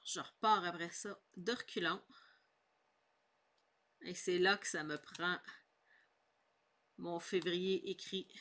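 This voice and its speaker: A middle-aged scrapbooking instructor with a Québécois French accent leads a chatty, upbeat craft tutorial, explaining each step. Her voice is fairly low, bright, and forceful.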